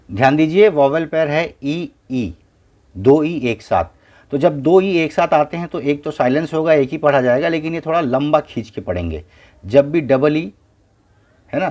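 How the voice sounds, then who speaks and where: A man's voice: medium pitch, a little mellow. A man teaching English phonics, spelling words letter by letter and repeating each one. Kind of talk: phonics lesson.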